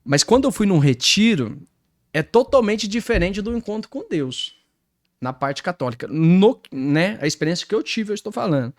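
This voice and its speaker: A man with a Brazilian accent giving a personal faith testimony, telling his story in a lively way and acting out his own past words. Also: sits high, moderate pace, dry recording, clean studio sound. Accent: Brazilian Portuguese.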